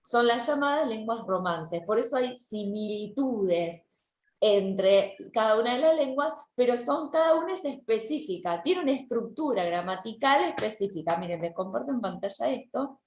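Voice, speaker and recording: Female teacher, raised pitch, roomy echo, explanatory lecture with restarts. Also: lively intonation, normal speed, darkish tone. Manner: explanatory, with many restarts and repeated words. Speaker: language teacher. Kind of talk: online class lecture.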